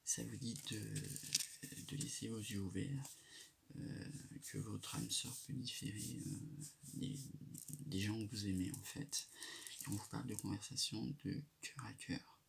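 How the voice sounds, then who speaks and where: A man giving a quiet, whispered late-night tarot reading in a hushed, gravelly voice. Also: lowish voice, steady tone, measured pace. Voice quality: gravelly, creaky. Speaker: tarot card reader. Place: indoors at night. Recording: noisy amateur live recording with clicks.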